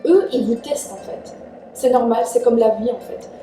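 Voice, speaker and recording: A woman's voice: a little high, moderate pace, warm tone. A young woman born in Iran, giving chatty, earnest relationship advice in a casual vlog. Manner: earnest, chatty, frequent "en fait". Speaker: vlogger. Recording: echoey room, distant mic, faint music.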